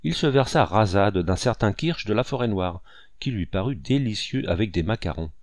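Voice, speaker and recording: A man reading a classic novel aloud in measured, clear storytelling. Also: fairly low pitch, expressive, no echo, studio quality. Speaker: audiobook narrator. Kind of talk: scripted narration of a classic novel.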